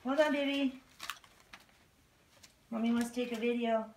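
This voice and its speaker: A woman's voice: fairly high pitch, fairly even intonation, normal speed, roomy sound, distant mic, background noise. A woman, a mother, chatting casually at a family birthday and cooing fondly at her little one. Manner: doting, coos at the baby. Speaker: mother of a young child.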